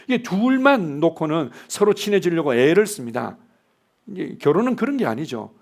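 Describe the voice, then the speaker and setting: A middle-aged man preaching a sermon in a conversational way, acting out what spouses say to each other. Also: a little high. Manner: conversational preaching, acts out spouses' lines in quotes. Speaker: pastor.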